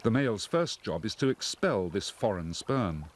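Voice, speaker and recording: Male nature documentary narrator, fairly deep, explanatory and measured, slightly noisy soundtrack. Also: sing-song.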